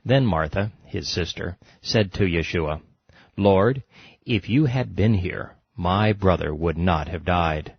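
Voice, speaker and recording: A man reading scripture passages in a solemn, steady manner. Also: deep voice, slow pace, creaky, breathy edge, no room sound, muffled recording. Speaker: scripture reader.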